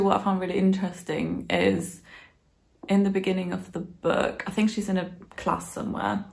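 A book vlogger in her twenties, bilingual in German and English, chats casually and thoughtfully to camera while reviewing books. She sits on a sofa in a small living room, speaking at medium pitch with vocal fry.

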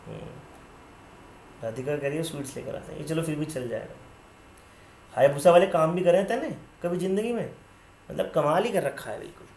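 A man's voice: a little high, expressive, fairly quick, creaky, pauses often, a little mellow, slight background noise. Bantering male teacher in an echoey room. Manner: playful, teasing students by name from chat; mixes Hindi and English terms. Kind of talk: online live class.

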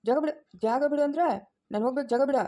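A woman's voice: sits high, rapid-fire, dark tone, lightly acted. A woman playing a restless, dazed village father. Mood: agitated. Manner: insistent, repeats himself. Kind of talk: family village drama.

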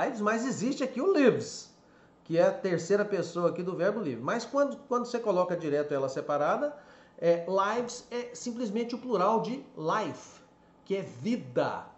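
Animated male teacher in echoey room. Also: high voice. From Brazil. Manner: animated, explanatory, stretches out example words slowly. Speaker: English teacher. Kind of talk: casual video lesson. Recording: echoey room, slightly dull lo-fi sound.

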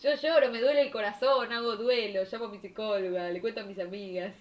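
A young woman from Argentina with a Rioplatense accent, reacting to viewer stories on a stream in an expressive, slangy way. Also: mid-range voice, quick pace, lo-fi sound. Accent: Rioplatense Spanish. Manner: expressive, slangy, laughing and exclaiming. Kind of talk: casual chat reacting to stories.

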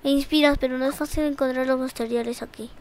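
A woman reading a gentle old robot granny. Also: high-pitched, steady tone, quick pace, natural voice. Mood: fond. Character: old female robot grandma who knits. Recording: game music playing behind.

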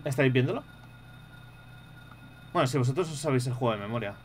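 A man's voice: mid-range voice, lively intonation, quick pace, a little hiss or hum. A young man with a Spain Spanish accent giving casual, profanity-laced commentary while playing a horror game, yelping when startled. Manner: swears freely, yelps when startled. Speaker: gaming streamer.

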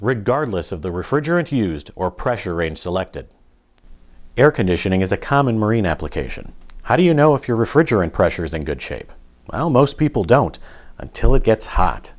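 A man with a low, steady voice reads a promotional product script. His delivery is smooth and even, recorded as a studio voice-over. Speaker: product narrator.

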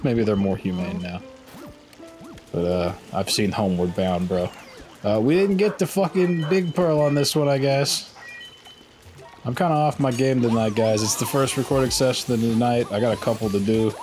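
A man's voice: medium pitch, fairly even intonation, moderate pace, a little mellow, faint music behind. A man hosting a let's play, rambling loosely and swearing a lot in sleepy, stoned gameplay commentary. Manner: rambling, loose and heavily profane.

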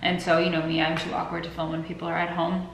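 A woman in her twenties, a little sick and sniffly, rambles casually to the camera as a vlogger in her own kitchen. Her voice sits fairly low and sounds gravelly, and she talks fast in a completely flat way. The kitchen gives the recording an echo.

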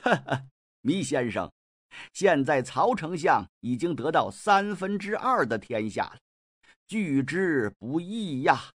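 A man voicing a shrewd, diplomatic middle-aged male lord in an audiobook, slow, polite and evasive. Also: on the high side, sing-song, a bit bright, breathy edge, dry recording, studio quality, full character voice.

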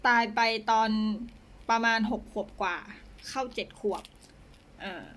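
A woman chatting to the camera about her pets in a soft, hesitant way, with frequent fillers. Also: a little high, a little slow. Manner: talks fondly to her pets. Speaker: pet owner vlogger. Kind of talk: casual chat to camera.

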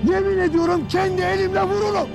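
A furious army commander, shouting. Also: male voice, very high voice, little pitch movement, fast talker, over music. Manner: shouting, harsh, relentless. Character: stern male army commander berating his troops. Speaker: military commander. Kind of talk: dramatic film acting.

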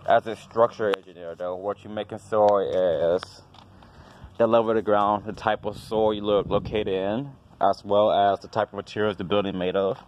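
A deep-voiced house inspector and HVAC tech rambles through a casual walkthrough tutorial, starting outdoors beside a house and moving to a basement utility room. His tone is level and a little mellow at a moderate pace, with offhand, dismissive asides. Shot on a handheld phone camera, the audio is dull with a slight hiss or hum.

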